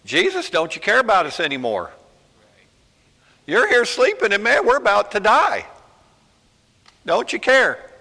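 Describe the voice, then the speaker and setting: A man preacher voicing a terrified man wailing that they are all going to die, in a shrill, strained voice. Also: huge pitch swings, measured pace, creaky, pauses often, sharp tone, long reverb tail, heavily acted. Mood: panicked. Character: panicking terrified man sure he will die.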